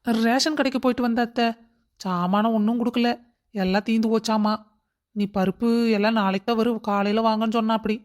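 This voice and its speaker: A crafty young daughter-in-law, from a cartoon story, voiced by a woman. Her voice sits a little high. She sweet-talks her way around her mother-in-law and turns on tearful pleading. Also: steady tone, brisk, lightly acted. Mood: scheming. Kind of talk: cartoon voice acting.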